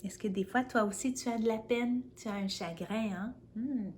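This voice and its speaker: A woman reading a picture book aloud to young children, gently coaxing and speaking straight to the child. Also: fairly high pitch, moderate pace, slight background noise. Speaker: children's storyteller.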